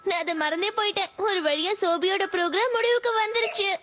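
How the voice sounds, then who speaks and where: A woman's voice: very high-pitched, quick pace, noisy background. A woman dubbing an earnest robot cat from the future in a cartoon, scolding and then tender. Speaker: dub voice actor. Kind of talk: cartoon dub acting.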